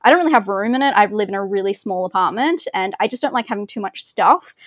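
A woman's voice: medium pitch, animated, quick pace, dry recording, highs cut off. A woman in her thirties with an Australian accent, chatting in an interview in a rambling, self-deprecating way and laughing often. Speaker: film reviewer guest. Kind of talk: casual interview chat.

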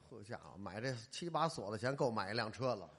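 A man playing the straight man in stage crosstalk comedy, correcting his partner with quick exasperation. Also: on the low side, expressive, husky.

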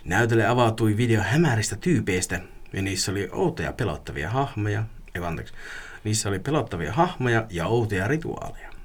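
A man co-hosting a casual podcast reads out a listener's story. He keeps breaking into laughter, and his pitch jumps around a lot. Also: expressive. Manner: giggly, breaks into laughter while reading. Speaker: podcast co-host.

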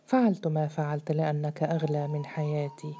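A woman voicing a frightened, guilt-torn young woman in a storybook reading, speaking in a hushed, breathless way. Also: low-pitched, flat delivery, brisk, a little hiss or hum. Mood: pleading.

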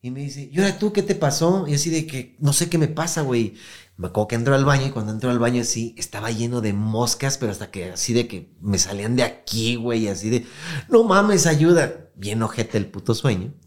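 Speaking fast at a medium pitch, a young Mexican podcast host tells a story in relaxed, slang-filled conversation, performing the voices of everyone he quotes.

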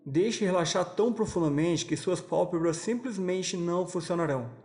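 A Brazilian man with a fairly high, creaky voice leads a guided hypnosis session in the manner of a sleep story narrator. He gives soothing, slow instructions and leaves pauses between them. Music plays behind his voice. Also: expressive, darkish tone. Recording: voice over background music.

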